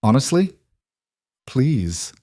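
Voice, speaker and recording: A man's voice: medium pitch, drawn-out words, no room sound, studio quality, voice pushed up. A man voicing a determined, educated young woman who speaks steadily and formally. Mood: steady. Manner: steady and formal, holding herself together. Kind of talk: audiobook character voice.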